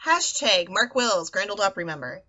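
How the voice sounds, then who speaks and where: A woman's voice: medium pitch, big pitch swings, normal speed, pushed and bright. A woman interviewing a guest in a casual, bubbly way and laughing easily. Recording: dull lo-fi call audio.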